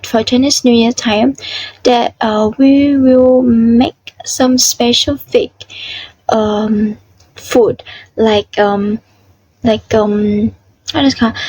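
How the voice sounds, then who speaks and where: Husky slow-talking Vietnamese young woman. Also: a little high, warm tone, no room sound, lo-fi sound. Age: 20s. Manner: hesitant, many fillers and restarts. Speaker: interviewee. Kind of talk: casual personal sharing.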